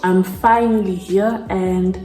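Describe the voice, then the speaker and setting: A young South African woman, a beauty vlogger, chats casually while doing her makeup in a get-ready-with-me video, rambling with plenty of "like" fillers. Her mid-range voice is mellow and fairly even in intonation, and she takes her time. Soft music plays in the background of an echoey room.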